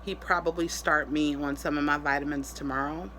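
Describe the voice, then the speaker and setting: Woman vlogger, worn out and sore post-surgery, halting casual talk, bright voice, faint noise. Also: low-pitched, fairly even intonation, rough recording. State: tired and in pain after surgery. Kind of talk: casual personal health update vlog.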